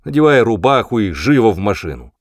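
A man voicing a gruff police sergeant who shouts orders across a river. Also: on the low side, big pitch swings, a little fast, no room sound, studio quality. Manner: loud shouting and commanding.

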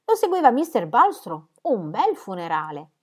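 A woman's voice: a little high, wildly swooping pitch, moderate pace, voice pushed up. Chatty draper man eager to spill the news, read by a woman in an audiobook. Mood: newsy. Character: gossipy male draper, a shopkeeper.

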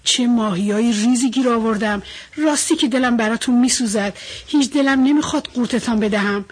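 A woman's voice: fairly high pitch, husky. A woman voicing a cunning, cruel male pelican who mocks his captured prey in a storybook reading. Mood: gloating. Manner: mocking, gloating.

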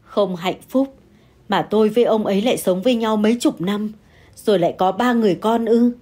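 A woman playing a composed older wife who answers calmly and firmly. Her tone stays steady and measured as she scolds and reasons. It is heard in a spoken audio story. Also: mid-range voice, close to an everyday voice. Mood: calm retort. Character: older wife, calm and firm.

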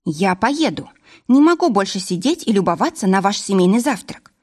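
A woman's voice: medium pitch, very animated, normal speed, a little mellow. A woman reading an audiobook voices a defiant, sarcastic young woman in a raised voice.

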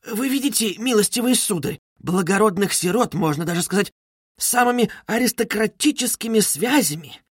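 A man's voice: animated, moderate pace, husky, dry recording, studio quality. A man reading aloud and voicing a proud, frantic middle-aged widow who wails and scolds. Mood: haughty pleading. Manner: shrill, wailing, haughty.

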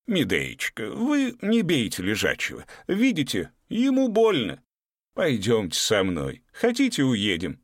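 A man voicing a boastful, flirtatious grown man with a wheedling, lively way of talking. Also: medium pitch, measured pace, no room sound, studio quality, voice pushed up. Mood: coaxing.

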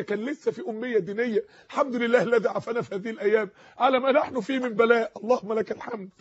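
High-voiced Egyptian man preaching passionately. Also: a little mellow, husky, dry recording, lo-fi sound. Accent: Egyptian Arabic. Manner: impassioned, pleading, repeats phrases for emphasis. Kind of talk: sermon. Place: studio.

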